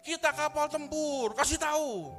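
A man's voice: very high-pitched, normal speed, fairly bright tone, soft background music, pitched above the performer's own voice. A man voicing an arrogant male warship captain who barks orders indignantly.

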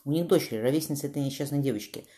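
A gruff sardonic man barking short orders, read by a woman, low dark voice, moving fast, storybook style. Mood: menacing. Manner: curt, commanding. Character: stern, sardonic man, gun in hand.

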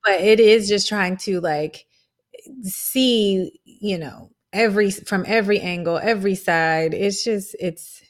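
A woman's voice: medium pitch, measured pace. A woman chatting casually as a podcast co-host in a colloquial, conversational way. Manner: colloquial, conversational, often says "you know". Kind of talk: casual chat.

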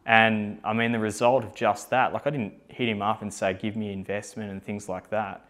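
A young man with a slightly low voice tells a story about himself. He sounds chatty and candid, scattering fillers and self-mocking asides through his talk as a company founder looking back. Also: level tone, normal speed, a bit bright. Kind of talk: casual personal storytelling.

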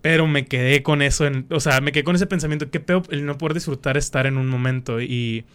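A man's voice: mid-range voice, fast, a bit bright, clean tone. A young Mexican man hosting a podcast, telling rambling stories full of slang and acting out what people said. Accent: Mexican Spanish. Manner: slangy, rambling storyteller, acts out quotes. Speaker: podcast host. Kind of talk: casual chat.

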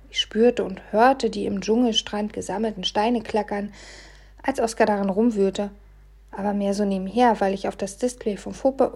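A woman narrating an audiobook in the first person, expressive, dropping to a hush and rising again with the scene. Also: medium pitch, husky. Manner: expressive, shifts between hushed and loud for the scene. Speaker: audiobook reader.

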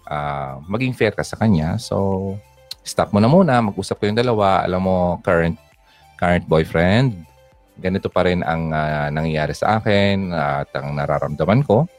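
A man with a low, deep voice gives fatherly relationship advice. His pitch swings widely as he talks, and faint music plays behind him. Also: lively intonation, normal speed. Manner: fatherly, mixes English into Tagalog. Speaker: advice host. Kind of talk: casual advice talk to a listener.

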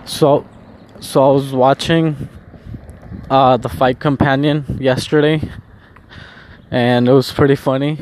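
An unhurried man with a middling pitch rambles in a laid-back stoner drawl, sounding high. He circles back over his own phrases as he chats casually. The recording has light outdoor noise behind him. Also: steady tone, darkish tone. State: high on weed. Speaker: vlogger recording an audio diary. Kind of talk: rambling casual solo chat. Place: outdoors, walking along.

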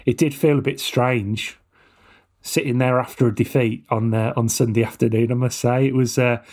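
A man's voice: mid-range voice, steady tone, normal speed, a little mellow. A man hosting a football podcast in a casual, conversational style. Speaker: podcast host.

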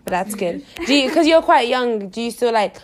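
A teenage girl hosting a casual podcast chat with friends, energetic and teasing. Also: a little high, normal speed. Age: teens. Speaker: podcast host.

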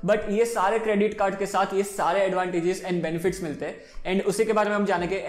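A man in his twenties with a voice that sits high explains personal finance to camera in an echoey room. His style is casual and chatty, and he switches freely between Hindi and English.

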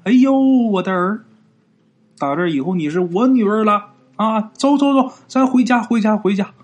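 A man's voice: high-pitched, very animated, moderate pace, slightly rough, heavily acted. A male storyteller voicing a doting middle-aged wife who stammers when unsure and snaps when her family is doubted. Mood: overjoyed.

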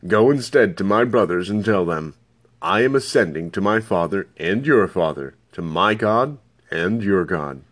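A man voicing a calm, gentle, authoritative male teacher in a dramatised Bible reading. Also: low voice, measured pace, full character voice.

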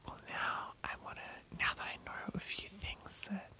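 Hushed whispering ASMR host, breathy and unvoiced. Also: normal speed. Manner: informal, rambling, self-commenting. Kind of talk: whispered ASMR, reading an article aloud with casual asides.

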